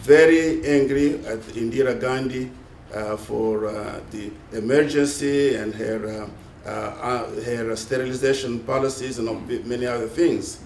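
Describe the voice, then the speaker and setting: A man's voice: medium pitch, fairly even intonation, measured pace, hardly any pauses, a little mellow. An older man from the Congo, speaking as a panelist in a hesitant way, with many fillers and laughing asides. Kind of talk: panel discussion, telling anecdotes. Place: conference hall panel. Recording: roomy hall, distant mic, faint noise.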